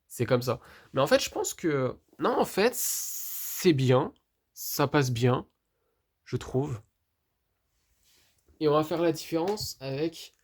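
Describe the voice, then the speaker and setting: Slow, hesitant unboxing vlogger. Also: mid-range voice. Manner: hesitant, puzzled, fills pauses with "euh" and "du coup"; talks straight to viewers. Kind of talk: casual unboxing commentary, thinking aloud.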